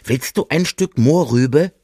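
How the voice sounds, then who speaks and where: A man voicing a cheeky, playful young male rabbit in a storybook, with a high, bouncy, teasing voice. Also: expressive, slow pace, mellow, dry recording, studio quality. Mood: coaxing.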